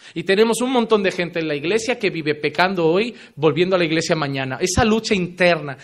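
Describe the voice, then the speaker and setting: Fervent high-voiced preacher man. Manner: fervent, confronting listeners with direct questions; swings between loud emphatic lines and low quiet endings. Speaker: pastor. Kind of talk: sermon.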